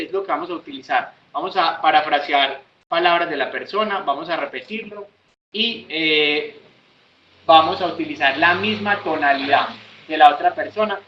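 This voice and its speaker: A man leading a sales workshop, explaining and acting out customer calls in a lively manner. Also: a little high, a little hiss or hum. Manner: lively, acts out callers in raised voices. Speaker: sales trainer. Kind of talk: workshop lesson with acted examples. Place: training room. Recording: echoey room, distant dull mic.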